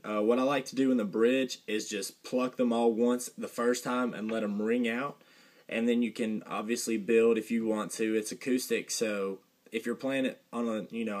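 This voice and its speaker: A young man giving a casual guitar lesson, relaxed and rambling, with fillers and a dry joke now and then. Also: on the low side, moderate pace. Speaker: guitar teacher. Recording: guitar playing behind the voice.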